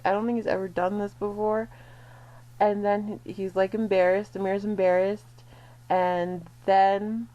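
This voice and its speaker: A woman's voice: mid-range voice, warm tone, muffled recording. A woman chatting casually to camera, rambling and correcting herself as she goes. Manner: rambling, self-correcting, lots of fillers. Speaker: video creator. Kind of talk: casual commentary vlog.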